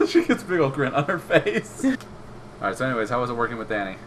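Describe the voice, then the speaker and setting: A man's voice: mid-range voice, wildly swooping pitch, a little fast, fairly bright tone, a little hiss or hum. A man hosting a casual podcast chat, laid-back and swearing freely. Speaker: podcast host.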